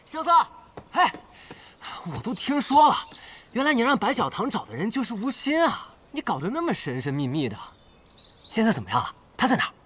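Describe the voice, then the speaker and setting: An actor playing an eager, loud young male swordsman who blurts out his thoughts. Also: sits high, brisk, slight background noise, heavily acted. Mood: excited. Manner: excitable, blurting. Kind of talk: period drama acting.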